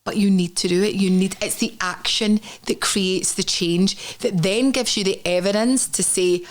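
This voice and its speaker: A woman in mid-range pitch co-hosts a podcast conversation. She talks reflectively, thinking out loud and leaning on fillers as she works toward her point. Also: steady tone, normal speed. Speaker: podcast co-host.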